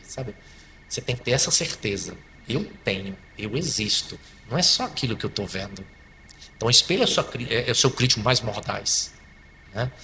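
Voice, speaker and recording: Brazilian male psychologist guest, bright forceful voice, animated and repetitive delivery. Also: medium pitch. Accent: Brazilian Portuguese. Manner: animated, repeats and restarts words. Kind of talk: conversational explanation. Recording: faint background noise.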